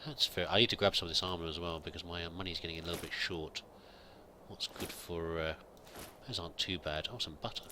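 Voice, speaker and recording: A let's play gamer with a low-pitched, steady voice talks a little fast while roleplaying a pilgrim, giving in-character gameplay commentary. He thinks aloud, musing and hesitant with many restarts, over background noise.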